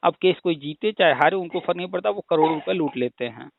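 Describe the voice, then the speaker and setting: A man's voice: a little high, animated, fast talker, creaky. A man explaining a topic at length in a casual phone conversation, lecturing patiently with rhetorical questions and examples. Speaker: teacher hosting a call-in discussion. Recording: tinny phone line.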